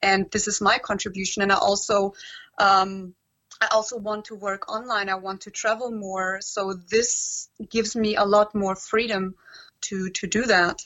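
A woman raised in Germany talks about her coaching work in a loose, chatty way, sprinkling "like" through her sentences. Her voice sits at a middle pitch. The recording sounds slightly dull and lo-fi. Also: level tone, measured pace, a bit bright. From born in Romania, raised in Germany. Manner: chatty, frequent "like" fillers. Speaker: guest, personal development coach. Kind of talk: casual interview chat.

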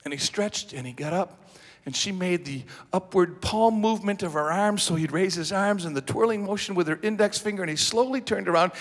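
Male preacher, high voice, bright and husky, dramatic sermon storytelling, long hall reverb. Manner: dramatic, swells into shouting.

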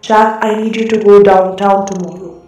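A woman voicing a mysterious, cryptic seer who gives calm, knowing instructions, her voice set back with a heavy echo. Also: mid-range voice, moderate pace, soft background music, voice pushed down. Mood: instructing. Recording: far-off, strongly echoing voice.

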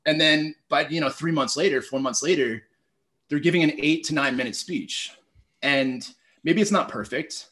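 A man in his thirties telling stories as a podcast guest, lively and conversational, acting out his own thoughts with lots of "like". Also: a little high, moderate pace. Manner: animated, storytelling, acts out quoted thoughts, heavy use of "like". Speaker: podcast guest, public speaking teacher. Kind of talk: casual conversational interview.

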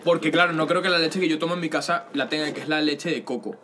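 A young man on a casual podcast, rattling off stories at a fast clip and breaking into laughs as he goes. His voice sits a bit high for a man, and a faint room ambience sits behind him. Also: noisy background. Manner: animated storyteller, laughs often, calls people bro. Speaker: podcast co-host. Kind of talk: casual chat.

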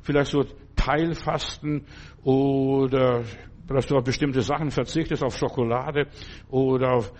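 A man's voice: medium pitch, fairly even intonation, measured pace, darkish tone. An older male preacher delivering a loose, conversational sermon, often stopping to ask whether the listener understands. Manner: conversational, keeps asking "verstehst du?".

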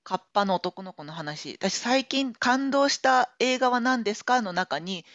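A woman co-hosting a podcast in casual chat, quick and animated with eager backchannels. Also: a little high, no echo. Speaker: podcast co-host. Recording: dull dry lo-fi sound.

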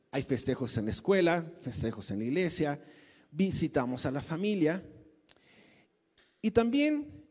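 Male pastor, a bit high-voiced, chatty sermon delivery with questions to the congregation, long hall reverb. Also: a little mellow. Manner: conversational, asks the congregation questions.

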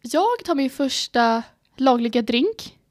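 Teenage girl, podcast co-host, excitable, high-pitched, dry close sound. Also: no echo. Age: teens. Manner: excitable storyteller, acts out her own reactions, swears casually. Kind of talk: casual chat.

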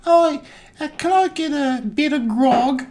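A man voicing a polite young woman in a high, dainty put-on voice. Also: measured pace, darkish tone. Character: prim young woman on a horse.

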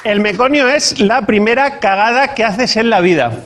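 A man's voice: high voice, moderate pace, a crowd in the background, background noise. A man, doing a punchy stand-up monologue and acting out the voices he quotes. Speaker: stand-up comedian.

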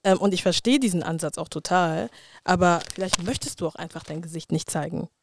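A podcast co-host who talks thoughtfully, pausing and filling gaps while working out an opinion. The voice sits at middle pitch. A faint hiss and some clicks run behind it. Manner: thoughtful, hesitant with fillers. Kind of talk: casual podcast conversation.

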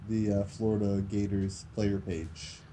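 Male co-host, deadpan short replies, mellow voice over a call with slight hiss. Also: fairly low pitch, unhurried. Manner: dry, brief answers. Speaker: podcast co-host. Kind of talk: casual chat over a call. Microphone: video call.

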